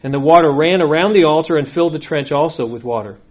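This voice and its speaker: A man preaching in a church, reading scripture aloud with slow, emphatic phrasing and then speaking to the congregation. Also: on the high side, a little mellow. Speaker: pastor.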